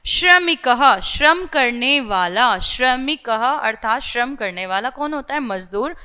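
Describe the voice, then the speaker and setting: A woman's voice: fairly high pitch, lively intonation, a little slow, sharp tone, smooth. A woman teacher going through a vocabulary list for young children, saying each word several times, asking "theek hai" again and again and mixing in English words.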